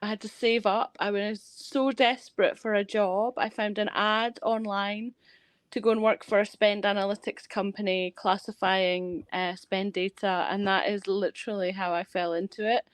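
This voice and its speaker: A woman's voice: mid-range voice, little pitch movement, moderate pace, clear, resonant tone, no echo. A Scottish woman from Scotland, a panel guest on a video call, telling her career story in a candid, upbeat and emphatic way.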